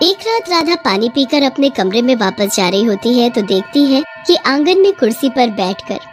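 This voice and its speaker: A woman narrating a bedtime horror story in a steady, expressive manner. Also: a little high, moderate pace, faint music behind.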